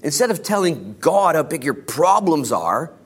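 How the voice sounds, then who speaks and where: An American man preaching an informal sermon as a pastor, exhorting in casual, slangy language and shifting between hushed and emphatic delivery. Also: a little high, big pitch swings, moderate pace, breathy edge. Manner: casual, colloquial, exhorting, with slangy asides and acted-out quotes.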